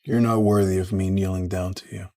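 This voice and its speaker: A man's voice: sits low, level tone, brisk, dark tone. Man playing a stern young heir. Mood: firm. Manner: firm, commanding. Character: young rich heir returning home, stern and commanding.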